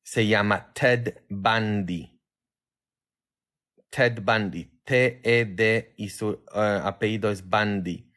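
Slow-talking priest with a Polish accent. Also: male voice, fairly bright tone. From Poland. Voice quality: low-key, tired-sounding delivery. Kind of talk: casual livestream chat.

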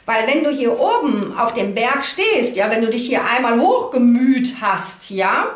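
A middle-aged woman with a voice on the high side and very animated delivery gives viewers an informal card reading at a measured pace. As host, she sits at a card table indoors, sounding conversational and reassuring and checking in with frequent little tag questions. The room sound is echoey.

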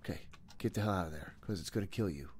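Fast and low, with a darkish tone, a man in his thirties narrates his horror-game stream from a small room at home. It's casual, jittery, exasperated self-talk laced with plenty of swearing. He wears a headset and speaks into a desk microphone.

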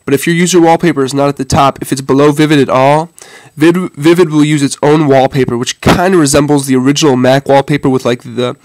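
A man's voice: fairly high pitch, steady tone, quick pace, hardly any pauses, darkish tone, dry recording, rough recording. A man sick with a head cold and a stuffy nose, giving a casual, hesitant tech tutorial to viewers. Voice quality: congested, stuffy-nosed. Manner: hesitant, informal, addresses viewers as "guys". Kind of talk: casual phone demonstration.

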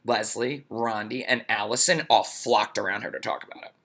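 A man reading a children's storybook aloud in a playful, expressive way. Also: on the low side, normal speed, gravelly. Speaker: reader.

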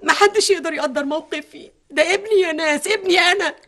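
An actress in a TV drama plays a middle-aged Egyptian mother, frantic and tearful with fear for her missing son. She speaks fast in a slightly bright voice, breaking into shrill, pleading, tearful outbursts.

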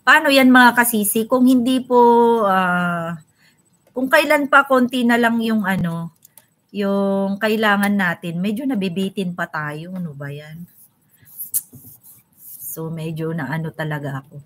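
A woman's voice: medium pitch, unhurried, pauses often, fairly bright tone. A young woman hosting a casual live stream, chatting and greeting viewers by name.

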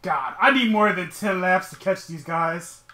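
A woman's voice: on the low side, unhurried, sharp tone, roomy sound. A woman commentating on her racing game, frustrated, swearing and laughing at herself. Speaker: gaming commentator. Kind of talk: casual gameplay commentary.

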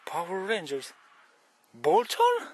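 A young Polish cyclist vlogs outdoors on a country path, joking through a phone-call bit in broken English, captured by an action camera on his helmet or bike. His voice is high, darkish and husky, with wildly swooping pitch, and he talks slowly and playfully, exclaiming often. The recording quality is low.

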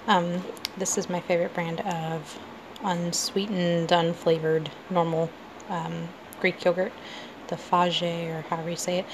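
Woman, 30s, casual vlogger, low gravelly voice, noisy kitchen recording. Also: level tone, unhurried. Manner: chatty, many ums, laughs easily. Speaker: food vlogger. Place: home kitchen, indoors.

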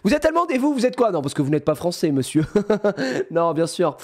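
A man streaming a casual reaction, animated, slangy and joking, often crude. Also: high voice, a little fast.

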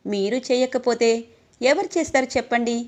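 A woman voicing a shy young wife on her wedding night, gentle and wondering. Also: on the high side, normal speed, lightly acted.

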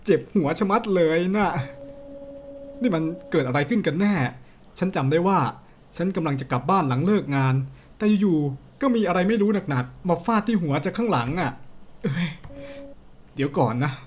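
A man's voice: a little high, animated, normal speed, slight background noise, lightly acted. A man voicing a kidnapped young man who is tied up, panicky and indignant, yelping his protests.

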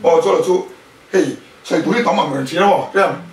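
一位在家庭团契上讲道的男人，不断向听众发问，并夹杂英语词汇。. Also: male voice, a little high, quick pace. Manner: keeps questioning the listeners; mixes in English words. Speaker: preacher. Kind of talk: sermon at a house fellowship. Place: indoors at a home fellowship. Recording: echoey room, voice from a distance.

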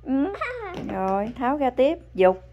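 A woman chatting at home with her toddler as a mother, coaxing and praising in a patient, gentle way. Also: a little high, lively intonation, a little slow, lo-fi sound, noisy background. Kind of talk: casual family chat to a small child. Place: home, indoors.

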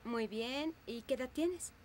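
Young teacher, kind n orderly, bit high, slight noise. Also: female voice, measured pace, darkish tone. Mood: welcoming. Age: young adult. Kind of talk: Spanish film dub dialogue.

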